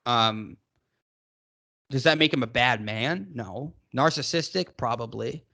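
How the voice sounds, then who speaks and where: A man's voice: medium pitch, slow pace, gravelly, bright, forceful tone. A man in his late twenties from Massachusetts, co-hosting a podcast and giving rambling, emphatic opinions in casual discussion. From Massachusetts, United States. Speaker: podcast co-host.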